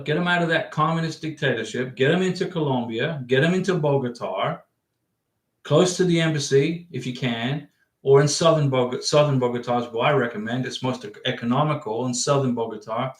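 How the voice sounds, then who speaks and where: A man's voice: mid-range voice, brisk. A man hosting a casual livestream, reading viewer questions aloud and answering in a chatty, rambling way. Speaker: livestream host giving immigration advice. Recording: echoey room.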